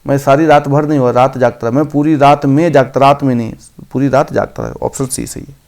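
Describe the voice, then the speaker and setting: A man teaching an exam-prep grammar lesson. He reads each option aloud slowly, then corrects it. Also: medium pitch, steady tone, vocal fry, a little mellow.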